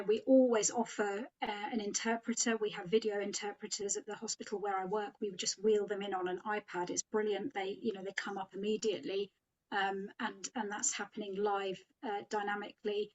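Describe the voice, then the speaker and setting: A woman from Sri Lanka, a headache specialist, talks thoughtfully in a podcast discussion, dropping in many fillers like "you know." Her voice is a little high, and the sound is lo-fi.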